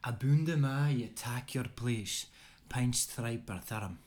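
A man's voice: mid-range voice, a little slow, a little mellow, natural voice. An Irish man putting on a Scottish reciter. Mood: declaiming. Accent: put-on Scottish. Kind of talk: poetry recital.

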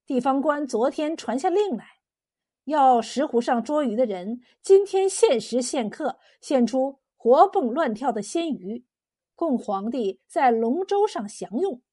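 A woman telling a folk tale in a lively, expressive storytelling manner, asking the listener questions along the way. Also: high-pitched, unhurried.

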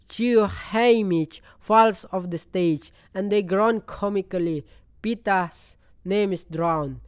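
Slow halting reader. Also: medium pitch, clean tone, dry recording. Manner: slow, halting reading with restarts. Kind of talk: reading a novel aloud.

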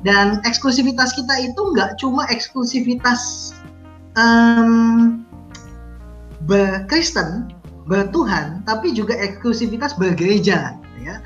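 A male guest in a casual interview, explaining at an easy pace and often trailing off with soft tag words. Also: very high-pitched, a little slow. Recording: roomy, dull sound with faint music.

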